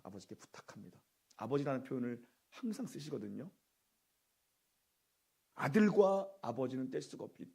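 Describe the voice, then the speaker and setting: A man's voice: medium pitch, creaky, darkish tone, breathy edge. A man preaching a Good Friday sermon as pastor, repeating key phrases with emphasis and quizzing the congregation. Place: church sanctuary.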